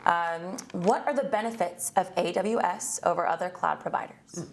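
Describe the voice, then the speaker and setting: A woman's voice: lowish voice, normal speed, vocal fry. A woman co-hosts a live online panel, reading out audience responses and questions. Her tone is light and playful. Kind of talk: livestream hosting.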